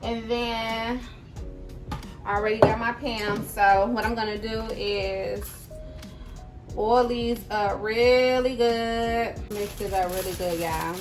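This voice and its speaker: A woman's voice: fairly high pitch, fairly even intonation, slow pace. Woman home-cook vlogger, easygoing kitchen chat, music underneath. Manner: chatty, repeats "right?" and "y'all". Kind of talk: casual cook-along chat. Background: background music.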